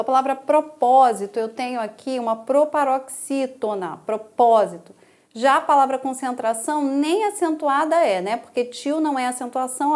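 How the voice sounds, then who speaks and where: A Brazilian woman teaching an exam-prep grammar lesson, explaining step by step and checking in with frequent tag questions. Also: high-pitched. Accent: Brazilian Portuguese.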